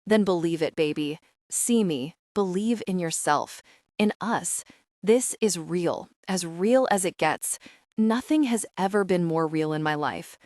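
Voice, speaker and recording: Woman reading a dominant, devoted billionaire lover; low, earnest, insistent. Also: expressive, measured pace, darkish tone, dry recording, studio quality. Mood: earnest, tender. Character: intense devoted billionaire man, protective, dominant.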